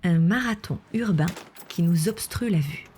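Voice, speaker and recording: A woman reading scripted nature documentary narration in a measured, explanatory way. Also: fairly low pitch, warm tone, slight background noise. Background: background music.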